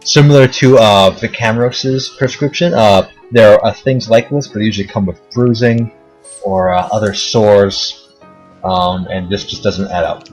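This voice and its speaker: Young male game master, slightly low voice, halting, filler-heavy narration. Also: soft background music, rough recording. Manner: hesitant, many fillers. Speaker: dungeon master.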